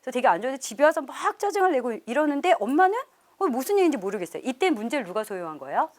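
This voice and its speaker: Woman professor, parenting lecture, lively and expressive, fairly high voice, laughs often. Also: racing. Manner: animated, laughs often, acts out quoted parents. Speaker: professor leading a parenting seminar. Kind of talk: lecture to a live audience.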